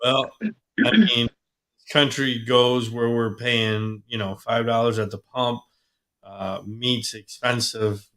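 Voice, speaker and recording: A man's voice: medium pitch, steady tone, slow, a bit bright. A man co-hosting a casual talk show, rambling and trailing off as he talks. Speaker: podcast co-host. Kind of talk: casual chat.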